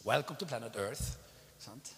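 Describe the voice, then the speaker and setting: A man preaching a sermon, animated and acting out stories with voices and laughter. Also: mid-range voice, slight background noise. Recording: echoey hall.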